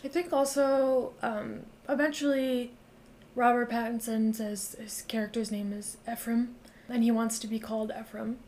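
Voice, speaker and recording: A woman's voice: on the high side, level tone, moderate pace, darkish tone, a little hiss or hum. A woman hosting a podcast, casually recapping a movie plot with loose phrasing and frequent swearing. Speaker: podcast host. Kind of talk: casual chat.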